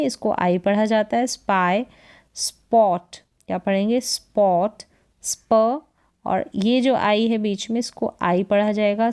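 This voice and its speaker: Slow, clear woman teaching phonics. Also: mid-range voice. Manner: sounds words out syllable by syllable, asks and answers herself. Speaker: English reading teacher.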